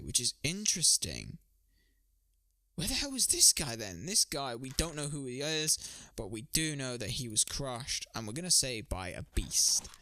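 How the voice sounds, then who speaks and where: Brief: male gaming commentator, lively swinging pitch, thinking aloud, music playing behind. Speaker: gaming streamer. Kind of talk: let's play commentary. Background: background music.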